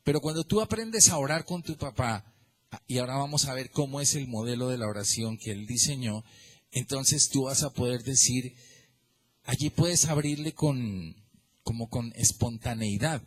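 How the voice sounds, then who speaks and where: A man with a Colombian accent preaching a sermon as pastor, lively, calling on listeners by name and asking them questions. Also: mid-range voice, a little slow. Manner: animated, addresses listeners by name, asks rhetorical questions.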